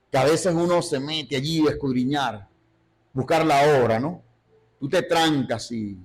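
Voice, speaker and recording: A man teaching a Bible study in sermon style, animated, asking rhetorical questions and acting out quotes. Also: mid-range voice, slightly rough, poor audio.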